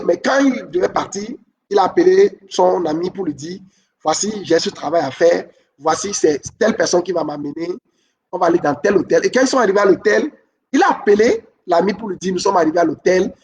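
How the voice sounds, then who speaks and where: Speaking far from the mic, a man with a notably high voice offers relationship advice in a steady, instructive talk. He repeats his points for emphasis and pauses often to make sure listeners are following.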